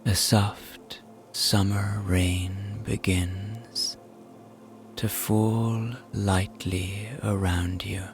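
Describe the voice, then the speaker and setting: In a low, hushed voice, a man narrates a scripted guided meditation for relaxation. He speaks extremely slowly and evenly, staying gentle and soothing, with soft music and rain playing underneath.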